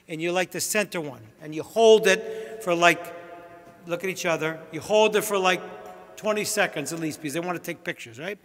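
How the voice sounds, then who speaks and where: A man's voice: high-pitched, bright, forceful tone. A man, a priest, walking a wedding party through their rehearsal, giving chatty directions with joking asides. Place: large church. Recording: long church reverb.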